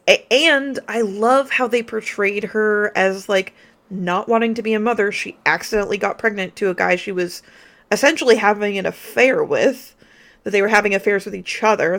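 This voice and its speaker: A woman's voice: medium pitch, a bit bright. A woman co-hosting a podcast, chatting casually and enthusiastically about a film and talking through her ideas. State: slight hiccups. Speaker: podcast co-host. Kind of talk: casual film review chat.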